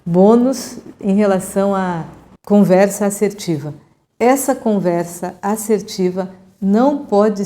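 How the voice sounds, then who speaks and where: A Brazilian woman in her sixties, host of her own channel, giving calm and chatty advice straight to the viewer as a friend. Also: medium pitch. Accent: Brazilian Portuguese. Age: 60s. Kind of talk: casual advice talk to camera.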